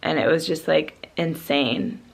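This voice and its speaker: A woman's voice: low-pitched, unhurried, vocal fry, slightly rough. A young woman from Canada, telling a story in a casual vlog and saying "like" constantly. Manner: heavy use of "like" filler, animated retelling. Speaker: travel vlogger.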